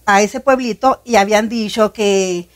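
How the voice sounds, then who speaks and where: A woman's voice: mid-range voice, a little slow. A woman sharing a personal faith testimony in conversation, earnest and heartfelt, often addressing the listener as brother. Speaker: guest sharing her testimony.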